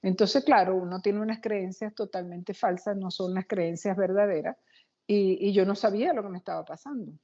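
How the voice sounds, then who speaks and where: A woman being interviewed as a guest, telling a personal story in an animated, quick, excitable way. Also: mid-range voice, lo-fi sound.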